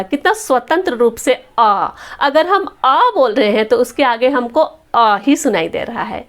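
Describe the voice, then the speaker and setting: A woman teacher giving a grammar lesson to young children, patiently repeating each sound and saying it slowly. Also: on the high side. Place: classroom or home study with a board.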